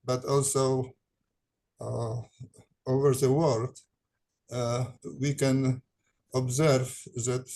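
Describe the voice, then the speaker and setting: A man with a Polish accent giving impromptu remarks at an academic discussion, halting and pausing often. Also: medium pitch, darkish tone. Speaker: academic conference participant.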